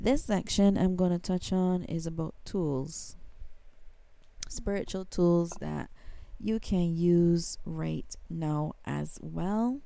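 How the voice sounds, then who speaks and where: A woman's voice: on the low side, creaky, warm tone, dry recording. A woman from Barbados with a Barbadian accent, talking casually to her viewers about spiritual practice, chatty and full of ums. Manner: chatty, addresses viewers as guys, many ums. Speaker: spiritual vlogger.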